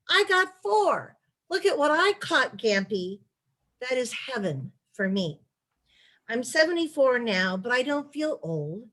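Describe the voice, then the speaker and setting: A woman author who once served as a chief of staff reads letters aloud during a video call interview, in a measured storytelling manner. Her voice is a little high with a fairly bright tone.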